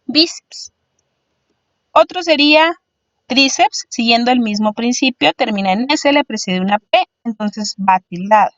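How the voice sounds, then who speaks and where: A woman's voice: a little high, animated, unhurried, fairly bright tone, no echo, lo-fi sound. A woman teacher explaining spelling rules patiently, step by step, like a voice-over lesson.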